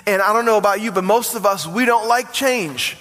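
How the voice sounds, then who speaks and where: A pastor in his forties preaches briskly in a high, bright voice, building emphasis and calling out to his congregation in call-and-response. The sermon echoes through a church sanctuary with a long hall reverb trailing behind.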